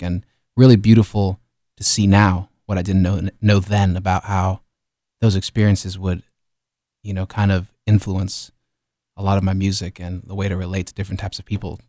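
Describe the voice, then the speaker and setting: A man in his thirties, born in Liberia, telling his life story as a musician guest in a radio studio, relaxed and full of fillers. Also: low voice, no echo. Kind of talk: casual interview.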